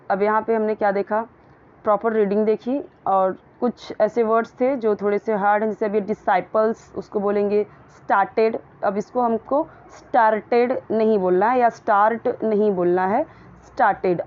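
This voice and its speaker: A woman explains English grammar in a relaxed classroom manner. She is patient and stops to repeat words slowly and clearly. Her voice sits in a middle pitch, and the recording sounds a little dull and lo-fi. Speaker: English teacher. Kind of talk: explaining English grammar and pronunciation in a casual lesson.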